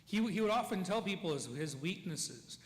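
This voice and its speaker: A priest giving a eulogy at a funeral mass, talking in a conversational way, checking in with the listeners and chuckling between stories. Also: male voice, sits high, animated, normal speed. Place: church. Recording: long church reverb, faint ambient noise.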